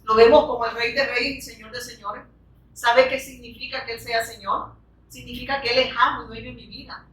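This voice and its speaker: Woman preacher, bright higher voice, delivering a fervent sermon; recorded from a distance in a reverberant church. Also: level tone, fairly quick. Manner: fervent, frequent rhetorical questions and amens. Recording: echoey room, distant from the mic.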